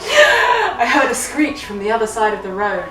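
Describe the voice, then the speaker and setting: In a fairly high, sing-song voice at normal speed, a tipsy woman gives a giggly, exaggerated dramatic reading of fan fiction, all in fun for a comedy web show. The recording has music underneath and comes from a distant mic in an echoey room.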